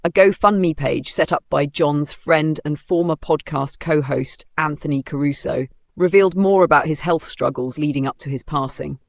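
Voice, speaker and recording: A voice-over narrator reads scripted news in an even, formal and sombre way. The voice sits mid-pitch with a gravelly fry, and the recording is close and dry with no room sound. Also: moderate pace, few pauses, no room sound.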